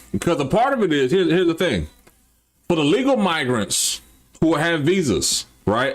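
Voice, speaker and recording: A man hosting a live stream, chatting straight to his viewers in a loose, rambling way, full of restarts and slang. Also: on the high side. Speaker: livestream host. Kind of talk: casual live-stream commentary.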